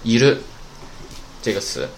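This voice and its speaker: A man's voice: measured pace, slight background noise. A man teaching Japanese vocabulary in a chatty way, often asking a question and answering it himself. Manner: chatty, asks rhetorical questions and answers them; lively, swinging pitch. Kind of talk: casual vocabulary lesson.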